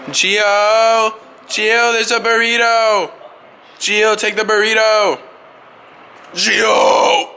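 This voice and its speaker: A young adult male vlogger chats casually and cheekily, full of slang and free swearing, holding the camera at arm's length. His high, bright voice is forceful yet flat, extremely slow and paused often, over noisy surroundings with music behind.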